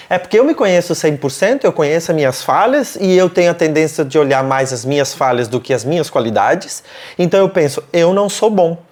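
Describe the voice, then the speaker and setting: A man's voice: a little high, lively intonation, a little fast, darkish tone. A man with a Brazilian accent, co-hosting a casual motivational talk, speaking emphatically and repeating short punchy slogans. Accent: Brazilian Portuguese.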